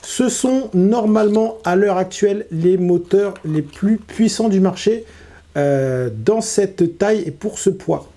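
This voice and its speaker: A man's voice: high voice, takes it slowly, dark tone. A man with a Parisian accent and a blocked nose, chatting in a casual drone-building vlog with many fillers and restarts. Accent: Parisian French. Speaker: FPV drone YouTuber.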